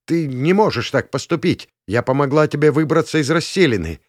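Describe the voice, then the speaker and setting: A man's voice: on the high side, animated, fairly quick, no echo, clean studio sound, pitched above the performer's own voice. A man voicing a stubborn, defiant young woman who speaks sharply and insistently in a storybook reading.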